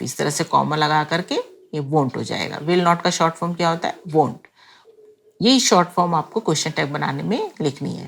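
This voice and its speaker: Woman teacher, slightly low voice, very slow and careful delivery for a grammar lesson. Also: gravelly. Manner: slow, careful, spells out and repeats examples. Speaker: English teacher.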